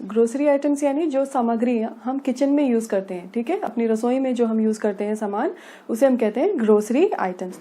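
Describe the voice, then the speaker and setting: Woman teaching with a dark voice. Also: a little high. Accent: Indian. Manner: explains patiently, often adding "ठीक है" and "okay" as check-ins. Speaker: English trainer. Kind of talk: classroom video lesson.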